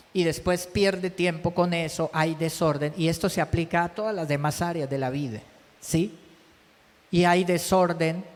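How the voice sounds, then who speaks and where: A Colombian man preaching a sermon as pastor. He drives his points home with repetition and keeps checking in with his listeners through quick tag questions. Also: fairly high pitch. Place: church hall. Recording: church hall with long reverb.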